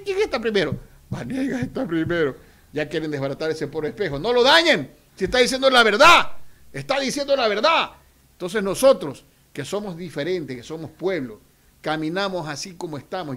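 A middle-aged man, a political candidate giving a forceful, theatrical radio interview. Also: sits high. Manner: forceful, theatrical, swells to shouting. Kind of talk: radio interview, campaign speech.

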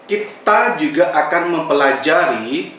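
A man teaching English grammar, reading example sentences slowly and with care. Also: fairly high pitch, expressive, a bit bright, a little hiss or hum. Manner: slow, deliberate example sentences. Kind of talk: grammar lesson. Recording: echoey room, mic set far off.

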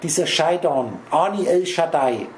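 A man's voice: fairly high pitch, animated, measured pace, echoey room, slight background noise, rough recording. A man giving a spiritual lecture, rambling and speaking straight to his listeners with lots of wordplay. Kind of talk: spiritual lecture to a small audience. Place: lecture room.

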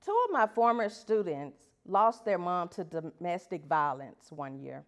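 A woman's voice: on the low side, lively intonation, unhurried, highs cut off. A woman teacher giving a prepared talk at an education event, earnest and putting rhetorical questions to the audience. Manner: reads from prepared pages. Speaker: elementary school teacher.

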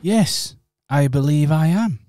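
An earnest, polite male teddy bear, played by a man, slightly bewildered, in a homemade radio pantomime. He speaks slowly with a lively, bouncing pitch, and the voice is close and dry on the mic. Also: no echo.

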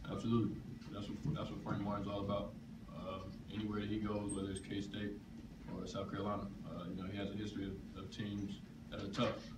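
Flat-voiced young player, echoey press room. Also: male voice. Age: young adult. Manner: low-key, halting with fillers. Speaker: college basketball player. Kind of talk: post-game press conference. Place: press room, seated at a table. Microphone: table microphone. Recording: echoey room, distant mic, loud noise.

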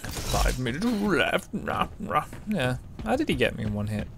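Young man chatting over loud gunfire. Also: medium pitch, very animated, a little slow, creaky, noisy background. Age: young adult. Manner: chatty, joking, swearing at opponents. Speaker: gameplay commentator. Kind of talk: casual gameplay commentary. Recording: loud gunfire from the game behind.

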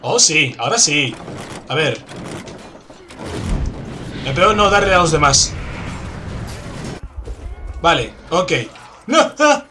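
A man with a Spanish accent from Spain, commentating a game he is playing, excitable and swearing, with sudden loud outbursts. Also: on the high side, takes it slowly, long pauses, a little hiss or hum. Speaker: gameplay commentator. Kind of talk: let's play commentary. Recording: game music in background.

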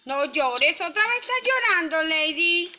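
A woman's voice: extremely high pitch, expressive, measured pace, sharp tone, slight background noise. A woman with a Latin American Spanish accent, hosting a toy channel and playing mother to a crying baby doll in a sweet, coaxing voice.

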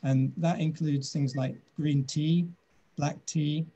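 Measured British man on video call. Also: fairly high pitch, fairly even intonation, mellow. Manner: measured, thoughtful, many "um"s. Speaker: doctor answering questions. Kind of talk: webinar Q&A. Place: office.

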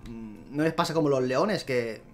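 A man's voice: mid-range voice, moderate pace. Chatty gamer man. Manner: chatty, talks to the animals and viewers, easily excited. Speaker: gameplay video host. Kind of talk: casual gameplay commentary.

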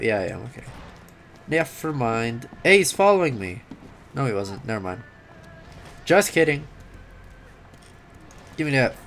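A man hosting a gaming video, giving casual, excitable commentary with yelps and jokes about the game. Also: mid-range voice, a little hiss or hum.

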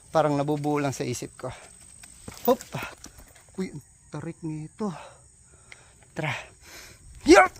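Male travel vlogger, outdoors on a steep slope, winded, excitable, high voice, speaks into a phone. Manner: excited, exclaims often, addresses viewers as trippers. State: out of breath. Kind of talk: casual walking travel vlog. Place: steep mountain trail outdoors. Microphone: handheld phone.

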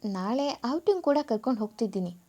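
A woman reading a story voices a young husband who softly coaxes his wife. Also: a little high, lively intonation, a little fast. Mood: coaxing. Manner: soft, coaxing. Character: young husband, tender and coaxing.

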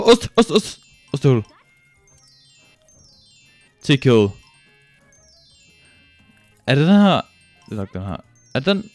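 A young man with a Danish accent, commentating a speedrun live, excitable and joking with frequent swearing. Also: mid-range voice, dry recording. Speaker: streamer.

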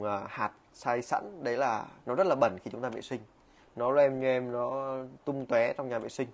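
Chatty man demoing gadgets. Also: mid-range voice. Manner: chatty, frequent fillers and restarts. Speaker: product reviewer. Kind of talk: casual product demo vlog. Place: small room at a desk.

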